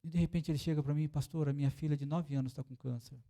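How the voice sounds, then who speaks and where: Brazilian pastor guy preaching, lively storyteller, mellow voice. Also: on the high side, fast. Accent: Brazilian Portuguese. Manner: animated storyteller acting out dialogue. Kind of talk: sermon with storytelling. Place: church.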